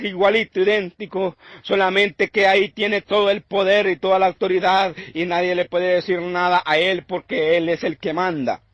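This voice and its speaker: A man's voice: high-pitched, no room sound. A man preacher giving an emotional testimony, telling his story in an intense, repetitive way. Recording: dull lo-fi dry sound.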